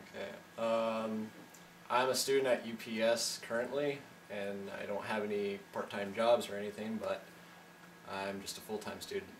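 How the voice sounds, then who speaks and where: Man, twenties, lowish voice, matter-of-fact intro, echoey room, mic at a distance. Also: fairly even intonation, moderate pace, a little hiss or hum. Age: 20s. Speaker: college student. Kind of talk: casual self-introduction.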